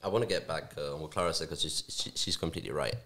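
Young man, from Spain, very low voice, quick delivery, restarts often, podcast mic in small studio. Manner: fast, animated, with frequent restarts and fillers. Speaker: youth forum board member, guest. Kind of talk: conversational interview answers. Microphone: podcast mic on stand, headphones.

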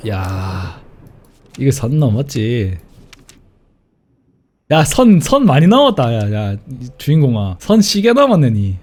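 A man's voice: medium pitch, huge pitch swings, takes it slowly, pauses often, a little mellow. A man streaming a horror game with casual commentary, easily scared, grumbling and swearing as he plays.

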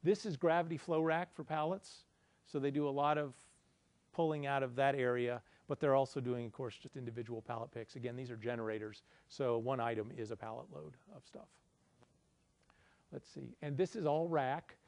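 A middle-aged man lectures at a conference in an easy, conversational way. He pokes a little fun at himself as he explains, at an ordinary pitch. The sound is dry and close, with no room echo. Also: steady tone, moderate pace, darkish tone. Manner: conversational, explaining, self-deprecating. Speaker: conference presenter. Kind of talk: lecture with audience Q&A. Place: indoor conference room, presenting at a projector screen.

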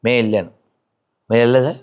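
A man delivers a religious talk. He scolds his listeners and fires off rhetorical questions one after another. His voice sits at an ordinary middle pitch for a man. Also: steady tone, a little fast, clear, resonant tone. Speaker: spiritual speaker. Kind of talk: religious discourse.

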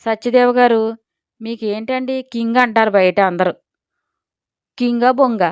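A man's voice: very high-pitched, fairly even intonation, a little slow, clear, resonant tone, dry recording. A woman voicing a vain, blustering middle-aged rich father who grumbles and scolds, in a Telugu audio story. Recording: dull lo-fi audio.

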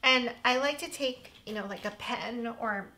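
Bright-voiced woman, chatty crafting host. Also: fairly high pitch, a little slow. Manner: chatty, self-deprecating, laughs at her own mistakes. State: slightly hoarse, losing her voice. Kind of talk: casual crafting tutorial.

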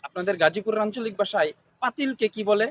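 A man's voice: high voice, fast, fairly bright tone, slight background noise. A man interviewing, asking the same kind of question over and over. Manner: repetitive, formulaic questioning.

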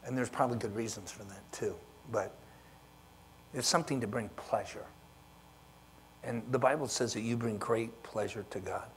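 A middle-aged man preaching a sermon as pastor, telling stories with animated acted-out dialogue. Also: mid-range voice, normal speed, pauses often, slight background noise. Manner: animated storyteller who acts out dialogue.

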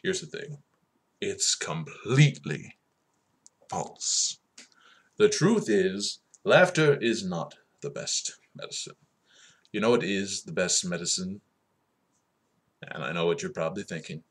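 A man hosting a mock-serious comedy vlog as a fake doctor, solemn one moment and shouting the next. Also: deep voice, lively intonation, takes it slowly, pauses often. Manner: mock-serious, swings from solemn murmur to loud outbursts. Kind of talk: deadpan comedic monologue.

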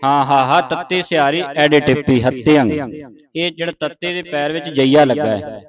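A man teaching the pronunciation of scripture in a recitation lesson, chanting each verse line slowly, spelling words out and adding quick spoken explanations. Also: fairly high pitch, dull audio, a crowd in the background. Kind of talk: slow, patient recitation lesson, repeating words and spelling them out.

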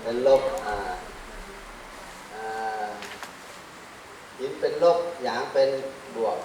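A man who is a Buddhist monk, teaching a class with a handheld mic. He quizzes the audience and fills his pauses with a drawn-out "ah". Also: mid-range voice. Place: large hall, standing before a seated group. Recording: very echoey hall, distant mic, faint noise.

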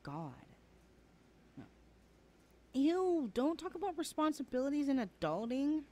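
In a casual, slangy ASMR roleplay, a woman plays a sassy, blunt best friend aged twenty-one, sighing often and sounding annoyed and defiant. Her voice sits high and is very animated, a little mellow, and unhurried.

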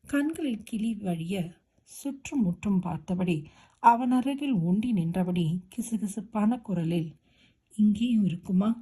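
A woman narrating a romance novel as an audiobook, with steady, expressive storytelling. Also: medium pitch, unhurried, slightly rough.

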